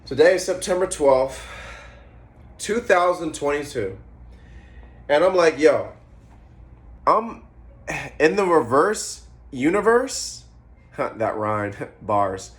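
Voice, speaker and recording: A man's voice: on the high side, sing-song, slow pace, pauses often. A man in his twenties rambling and musing aloud in a casual vlog, swearing freely as he goes. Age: 20s. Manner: eating while talking. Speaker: vlogger. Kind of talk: casual monologue to camera.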